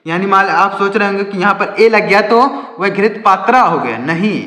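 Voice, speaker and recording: A man teaching English spelling to Hindi speakers, slowly and repetitively, asking questions and answering them himself. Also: high voice, sharp tone. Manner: slow, repetitive explaining, asks and answers own questions. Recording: echoey room, long reverb.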